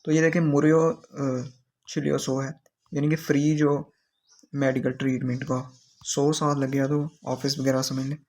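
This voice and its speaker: A man teaching Korean vocabulary, explaining each word slowly and repeating it. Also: medium pitch, little pitch movement, a little mellow.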